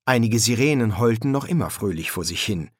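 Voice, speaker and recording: A man reading a novel aloud as audiobook narration, lifting his voice well above his usual pitch for the characters' dialogue. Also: lively intonation, brisk, husky, no echo, clean studio sound. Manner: raises his voice high for the characters' lines.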